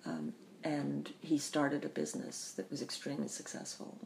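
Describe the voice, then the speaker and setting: A woman who grew up in the Bahamas, telling her family history in an interview, thoughtful and pausing often. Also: deep voice, expressive, creaky, a little mellow, slight background noise. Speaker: interview guest. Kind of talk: reflective personal storytelling.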